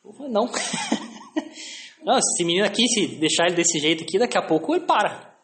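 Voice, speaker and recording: High-voiced Brazilian man telling stories. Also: wildly swooping pitch, moderate pace, fairly bright tone, echoey room, a little hiss or hum. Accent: Brazilian Portuguese. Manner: anecdotal, frequent tag questions, self-deprecating. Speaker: lecturer.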